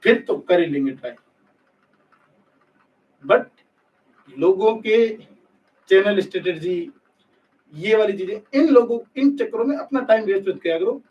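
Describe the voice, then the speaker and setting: High-voiced blunt male coaching teacher. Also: expressive, a little slow, long pauses, darkish tone, far from the mic, dull audio. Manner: blunt, scolding, talks directly to students. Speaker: nursing exam coaching teacher. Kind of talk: live-stream lecture, candid rant. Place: live online class.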